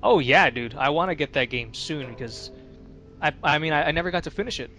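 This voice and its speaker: A man's voice: fairly high pitch, a little fast, pushed and bright, soft background music. Laid-back man chatting over a game. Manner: laid-back, swears a lot, many fillers. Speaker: let's play commentator. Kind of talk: casual gaming chat.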